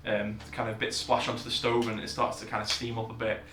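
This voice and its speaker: A man narrating as dungeon master, relaxed and hesitant with many fillers. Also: fairly low pitch, a little fast, roomy sound, slight background noise. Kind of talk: narrating a tabletop game.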